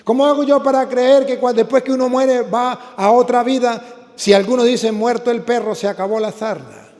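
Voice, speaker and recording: Priest, forceful repetitive preaching, high voice in a reverberant church. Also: male voice, steady tone, normal speed. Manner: emphatic, repeats lines for the congregation. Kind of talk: sermon.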